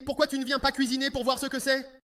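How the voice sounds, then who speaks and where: A man voicing a sharp-tongued, irritated wife who scolds indignantly. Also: very high voice, monotone, quick pace.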